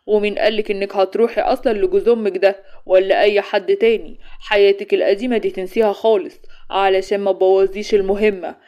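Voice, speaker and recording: A woman's voice: mid-range voice, a little mellow, lightly acted. A woman with an Egyptian accent voicing a commanding, mocking young man who teases and orders a young woman around in a spoken story. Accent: Egyptian Arabic. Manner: sly, commanding, teasing.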